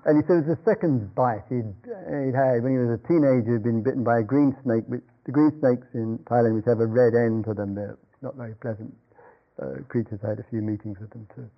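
A man's voice: medium pitch, brisk. An older man giving a meditation talk, rambling through an anecdote with chuckles and restarts. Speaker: meditation teacher. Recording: dull lo-fi talk recording.

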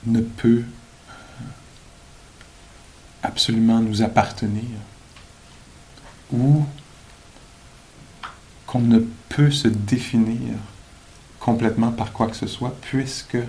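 A man giving a dharma talk at a meditation retreat, thoughtful and gently joking, pausing often with fillers. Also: lowish voice, a little hiss or hum, rough recording. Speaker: meditation teacher.

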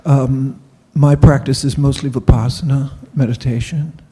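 A man, a retreat participant, introducing himself to the group in a warm, hesitant way. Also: mid-range voice, steady tone, measured pace, slightly rough.

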